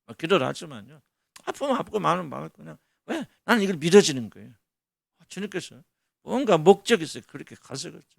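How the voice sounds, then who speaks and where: A middle-aged male pastor gives a colloquial sermon full of rhetorical questions. His voice sits a little high and swings widely in pitch, with a gravelly rasp. The sound is close and dry, with no room echo. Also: sing-song, quick pace.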